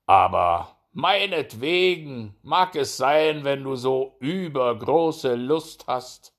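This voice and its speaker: A man's voice: mid-range voice, lively intonation, slow pace, pitched above the performer's own voice. A man voicing a proud, scornful male hare in a fairy tale, drawling his words mockingly.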